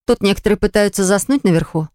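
A woman's voice: medium pitch, fast, dark tone, dry recording, studio quality, close to an everyday voice. A woman voicing a sleepy, hungover young woman who is groggy and irritated.

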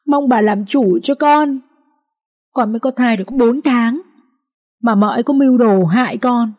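A woman's voice: on the high side, measured pace, a little mellow, voice pushed up. A woman voicing a scheming young pregnant maidservant in a storybook reading, pleading tearfully in a raised, whining voice.

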